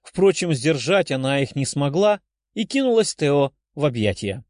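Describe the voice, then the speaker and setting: Male audiobook narrator, fairly high voice, lively intonation, dry close recording. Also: moderate pace, no echo. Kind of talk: scripted narration.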